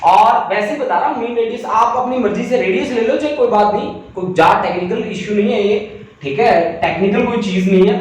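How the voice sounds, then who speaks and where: A male physics teacher giving an online class lecture, chatty, reading out student comments and making joking asides. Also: high-pitched. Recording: distant mic in echoey room, faint noise.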